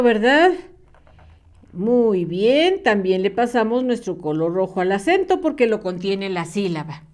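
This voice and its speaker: A woman teaching a children's phonics lesson, slowly sounding out syllables and praising each answer. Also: a little high. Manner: slow, encouraging, repeats syllables for children. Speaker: primary school teacher.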